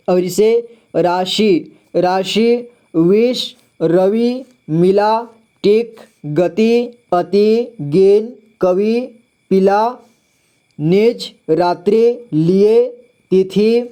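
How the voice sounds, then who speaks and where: A man teaching a reading lesson, sounding out syllables slowly, repeating each word and quizzing the listener. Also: sits high, warm tone. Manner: patient, repeats words, quizzes the viewer. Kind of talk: slow classroom-style reading lesson.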